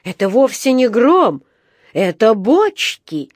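A fussy, flustered old factory owner, as a woman narrator puts him on talks in a slow, anxious way. He is an elderly, well-meaning gentleman in a children's storybook. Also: mid-range voice, lively intonation, no room sound, clean studio sound, natural voice. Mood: alarmed.

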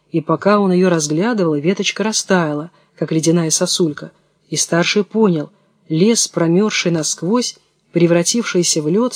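A man reading a fairy tale aloud in a calm, even storytelling manner. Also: high voice, dry recording, clean studio sound. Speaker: narrator. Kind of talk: storybook narration.

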